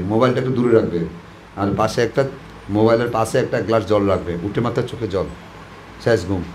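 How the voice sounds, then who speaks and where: Guy preaching at a devotional q&a, keeps urging folks, a bit of faint background noise. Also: medium pitch. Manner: coaxing, instructive, urging the audience with repeated commands. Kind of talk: devotional question-and-answer talk.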